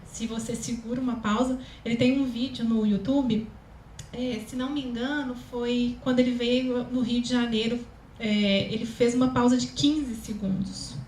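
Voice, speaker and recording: A woman with a Brazilian Portuguese accent and a very high, thin voice gives a chatty talk as a communication consultant, with many fillers. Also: flat delivery, normal speed, darkish tone. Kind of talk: public talk to an audience. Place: event hall, live audience. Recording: echoey room, faint ambient noise.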